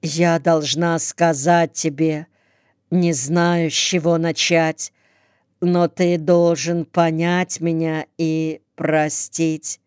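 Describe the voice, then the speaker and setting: A woman reading the lines of an impulsive, tearful young woman who has volunteered for the war, often speaking softly. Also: sits low, little pitch movement, slow pace, clean tone, no room sound, studio quality. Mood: pleading. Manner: hushed and tearful.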